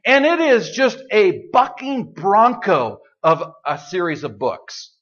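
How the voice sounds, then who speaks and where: A man preaching a sermon in an animated, joking way, putting questions to the congregation. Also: high voice, slow, lo-fi sound. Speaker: pastor.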